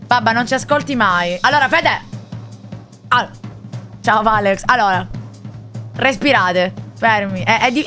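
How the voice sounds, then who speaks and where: A woman in her late twenties with a Sicilian accent, chatting with viewers during live game commentary in an excitable, repetitive manner. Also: medium pitch. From Sicily, Italy. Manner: excitable, repetitive, mild swearing. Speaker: live streamer. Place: indoor gaming room. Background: game music with drums.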